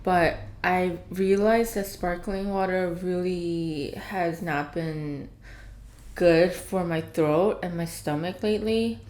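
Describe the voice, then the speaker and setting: A woman casually reviewing food in a halting, rambling way, talking between bites of crunchy food. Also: on the low side, darkish tone. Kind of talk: casual mukbang chat while eating. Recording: echoey room, faint background noise.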